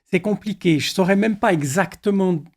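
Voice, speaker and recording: A middle-aged male pastor speaking calmly and thoughtfully in a conversation. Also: high voice, normal speed. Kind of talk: reflective conversation.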